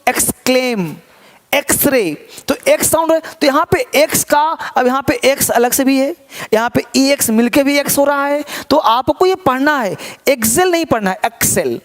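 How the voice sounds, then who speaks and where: A man teaching an English lesson, repeating words over and over and asking questions that he answers himself. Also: extremely high pitch. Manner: asks quick questions and answers them himself.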